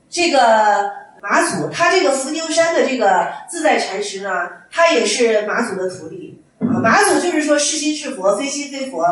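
A woman teacher tells Chan stories in a folksy dharma talk, repeating her lines as she goes. Her fairly high voice sits far from the mic. It rings through a very echoey room over a faint ambient hum. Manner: folksy, repeats phrases, acts out quoted masters. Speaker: Buddhist teacher.

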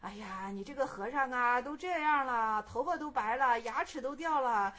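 A woman's voice: high-pitched, lively intonation, fast, fairly bright tone. A woman voicing a stern old male Chan master who scolds his student sharply. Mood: furious.

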